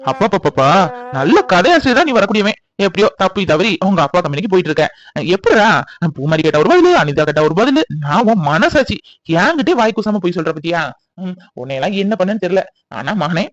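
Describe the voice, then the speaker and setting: A man's voice: high voice, no echo. A man voicing a sarcastic male inner conscience who lectures and mocks the hero, on slightly dull audio. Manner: lecturing, mocking.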